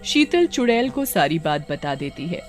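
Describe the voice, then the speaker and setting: A woman's voice: lowish voice, very animated, normal speed, soft background music. Woman narrating a storybook tale.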